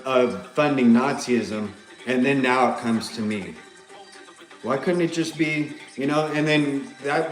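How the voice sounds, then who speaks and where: A man's voice: mid-range voice, reverberant. A man delivering a rambling, profane rant to the camera, agitated and repeating himself.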